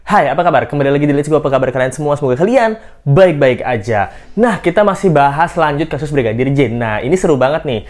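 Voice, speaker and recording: A woman's voice: sits low, lively intonation, fast talker, a little mellow. A woman hosting a casual news commentary vlog, talking in a playful, joking, teasing way. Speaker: host.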